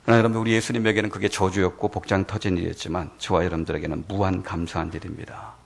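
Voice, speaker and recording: A male pastor preaching a sermon in a church, animated and full of rhetorical questions to the congregation. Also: low voice, racing, creaky. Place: church sanctuary.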